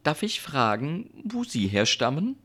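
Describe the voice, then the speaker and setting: A small, proud and very polite male hare from a children's storybook, as a woman reading aloud puts him on. His voice is low, slightly husky and lively in its rise and fall, always courteous and formal. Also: unhurried, exaggerated voice.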